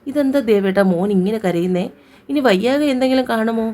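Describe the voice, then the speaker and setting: A woman's voice: on the high side, a little fast, warm tone, voice pushed up, close to an everyday voice. A woman voicing an anxious, caring young wife and mother in an audio story. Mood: worried.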